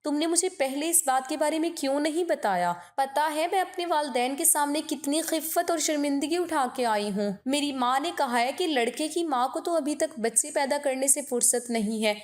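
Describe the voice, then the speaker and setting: A woman's voice: high voice, few pauses, close to an everyday voice. A woman reading the lines of an indignant young woman who scolds her fiancé in a storybook drama. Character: angry young woman breaking off engagement.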